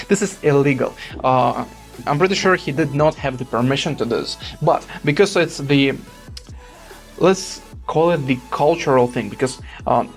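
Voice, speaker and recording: A man giving casual commentary over gameplay, telling a long story in a rambling, hesitant way with many fillers. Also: mid-range voice. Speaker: gaming YouTuber.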